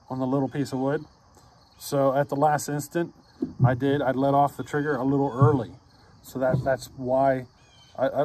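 Sitting at a picnic table outdoors by some trees, a man in his forties who runs a chainsaw channel chats about his results straight into a phone camera held close at arm's length, often asking "you know what I mean?" His mid-range voice has a darkish tone, with slight background noise.

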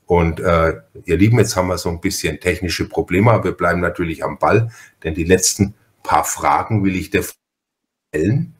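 A deep-voiced man from Franconia, Germany, speaking at a moderate pace with a Franconian accent, hosts a laid-back podcast chat. He tells stories in a folksy, talkative style that runs in starts and stops.

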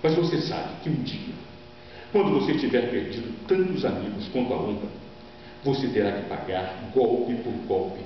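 A man's voice: mid-range voice, animated, moderate pace, close to an everyday voice. A man performing a stern, outraged old elder in a solemn, theatrical reading of Greek tragedy. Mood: condemning. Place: large classroom or lecture room, indoors. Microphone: far camera microphone. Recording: echoey hall, distant mic, dull sound, hum.

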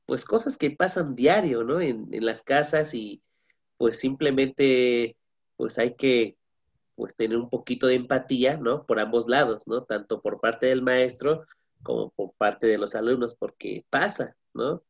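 A man, a parent and guest, speaking in a measured, reflective way and often ending with a tag question. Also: medium pitch, creaky, breathy edge, muffled recording. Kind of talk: casual panel chat.

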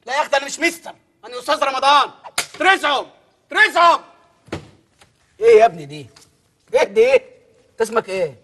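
An actor playing a loud, bossy, old-fashioned male Arabic teacher who scolds in a comically indignant way. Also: very high-pitched, expressive, fairly quick, long pauses, slight background noise, heavily acted. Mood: scolding. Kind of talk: comedy film acting.

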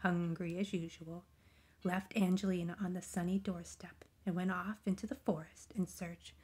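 A woman reading a children's picture book aloud, gentle and expressive, often dropping into soft whispers. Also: fairly low pitch, normal speed, husky. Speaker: storybook reader.

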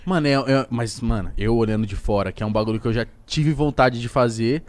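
Laid-back podcast host dude, talks fast, lots of slang, mid-pitched. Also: male voice, darkish tone. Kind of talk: casual podcast chat.

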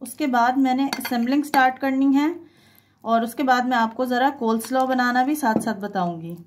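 With slight background noise behind her, a woman in a high-pitched voice speaks at normal speed, narrating a cooking tutorial for a home dish. She explains each step in a conversational, instructive way and mixes in some English.

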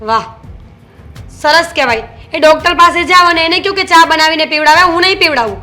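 A woman's voice: very high-pitched, fairly quick, pushed and bright, soft background music. An actress playing a young daughter-in-law who scolds her mother-in-law sarcastically. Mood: scolding. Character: sharp-tongued young daughter-in-law refusing tea.

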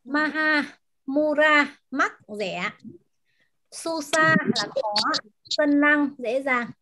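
A woman teacher in an online class, patiently explaining words and pronunciation and repeating them slowly over a video call. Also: high voice, bright, forceful tone, a little hiss or hum. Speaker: language teacher.

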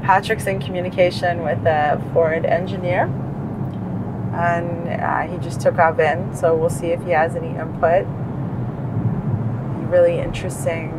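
A thirtysomething woman, riding as passenger, chats casually while co-hosting a road-trip vlog. She speaks at a measured pace in a lowish register. Constant road and cabin noise from the moving car fills the recording.

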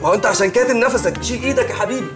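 A teasing young man soothing his panicking friend in a high, fast Egyptian voice. A music score runs under the dialogue of this TV drama. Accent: Egyptian Arabic.

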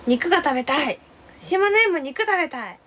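Bubbly hoarse young woman streamer. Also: sits high, lively intonation, noisy background. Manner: bubbly, reads out and thanks viewers for gifts; playful exclamations and cute drawn-out reactions. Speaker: live streamer, former idol. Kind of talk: casual live-stream chat.

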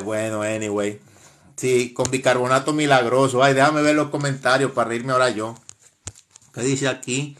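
A man's voice: medium pitch, fairly bright tone. A man hosting a live stream, casually commenting in a mocking, laughing way, with frequent exclamations.

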